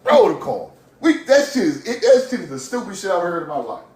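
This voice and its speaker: Speaking a little fast, a livestream host from Mississippi rants, swears and laughs at his own points, his high voice climbing through the heated, animated monologue. The sound bounces around an echoey room.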